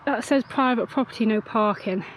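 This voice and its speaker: A woman's voice: a little high, moderate pace, background noise. A woman vlogging casually, chatting and thinking aloud as she explores outdoors. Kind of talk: casual vlog narration. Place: outdoors and in a small underground cellar.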